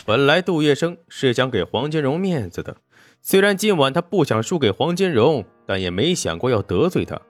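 A man reading a story aloud as narrator, in a dramatic, expressive way. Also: mid-range voice, normal speed, no room sound.

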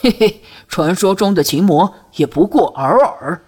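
A ruthless masked swordsman mocks his cornered enemy in a cold, sneering voice, as a woman reader puts him on. The tone is low-set and a little husky, in the manner of an audiobook villain. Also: lively intonation, unhurried, darkish tone. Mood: gloating. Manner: cold, mocking. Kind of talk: audiobook character voice.

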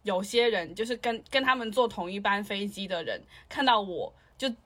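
A woman's voice: mid-range voice, animated, moderate pace, fairly bright tone. A woman in casual chat, ranting and slipping in English phrases. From lives in Shanghai.

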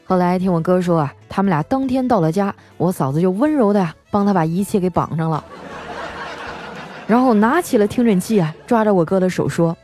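A woman radio host telling comic stories about her family, chatty, with drawn-out particles and frequent laughs. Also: mid-range voice, animated, dark tone. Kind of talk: comic storytelling monologue. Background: faint background music.

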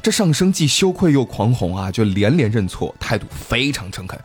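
A man's voice: mid-range voice, moderate pace, slightly rough, faint music behind. A man hosting a podcast, telling a ghost story in a casual, joking way with his co-hosts. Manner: lively, playful, joking with co-hosts.

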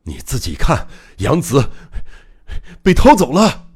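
A man's voice: mid-range voice, huge pitch swings, slow, darkish tone, husky, pitched above the performer's own voice, heavily acted. A male narrator voicing a stern, commanding older doctor in an audiobook, grave in tone. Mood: furious. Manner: grave, barking when angry.

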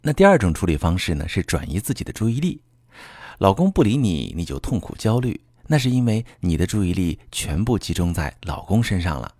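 Deep-voiced man giving relationship advice. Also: a little fast, dry recording, studio quality. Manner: calm, coaching, addresses listener directly. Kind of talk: scripted advice talk.

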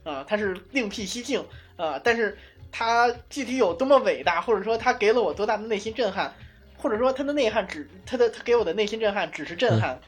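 A woman's voice: medium pitch, expressive, a little fast, breathy edge, faint music behind. A woman co-hosting a casual podcast, talking things through in a fluent, analytical way with frequent restarts. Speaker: podcast co-host.

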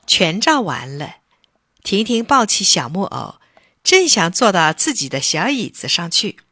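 A woman reading a children's story aloud in an animated, expressive way. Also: mid-range voice, slightly rough, no echo, studio quality.

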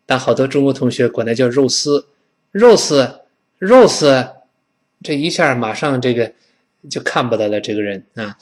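A middle-aged man from China teaching a spoken English lesson, demonstrating pronunciation slowly and repeatedly. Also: medium pitch, fairly even intonation.

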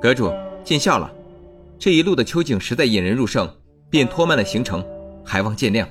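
A man's voice: medium pitch, expressive, faint music behind, close to an everyday voice. A reader doing a courteous young nobleman. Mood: deferential. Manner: courteous, soft-spoken, quick. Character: polite, respectful young nobleman. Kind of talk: audiobook character voice.

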